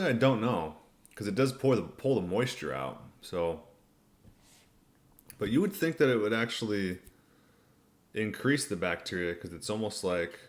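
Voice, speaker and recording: Low-pitched man, casual livestreamer. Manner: laid-back, colloquial, often says "man". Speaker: livestream host. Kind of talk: casual livestream Q&A, reading and answering viewer comments.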